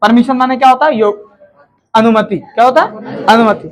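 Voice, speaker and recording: A man's voice: very high voice, normal speed. A man teaching a grammar lesson in a chatty classroom style, checking in with listeners and acting out example sentences in different tones.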